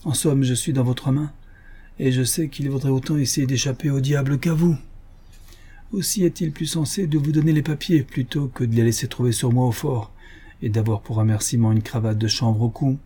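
Narrator doing a captured young spy, groaning, bittersweet, husky, dark voice, storybook. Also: male voice, medium pitch, steady tone, normal speed, lightly acted. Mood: sour. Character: captured young male spy, whining and sour.

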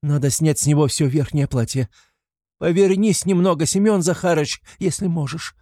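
A man reading aloud, voicing a frantic, proud, sickly mother who speaks in a rapid, shrill, breathless patter. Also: animated, a little mellow, dry recording, clean studio sound, lightly acted. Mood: desperate.

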